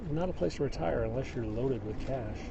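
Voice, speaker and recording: A man from Illinois with a Midwestern accent livestreams a hike, chatting with viewers as he walks a mountain road outdoors. He talks fairly quickly in a mid-range voice with vocal fry, explaining things and answering questions. The sound is lo-fi with a noisy background.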